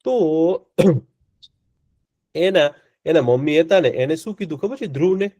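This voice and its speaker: A man tells a story to a class of children. His voice is fairly high and lively, and it rises and falls as he goes. He keeps stopping to ask the children questions. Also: measured pace. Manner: asks the children questions often.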